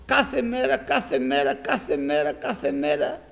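A male preacher giving a sermon, telling a parable with lively storytelling and rhetorical questions. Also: on the high side, gravelly.

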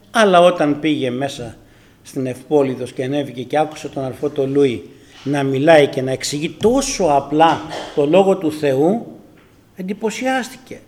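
An older man from Greece telling his personal testimony to a congregation, earnest and emphatic, his loudness rising and falling. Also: fairly high pitch. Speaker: church member giving testimony.

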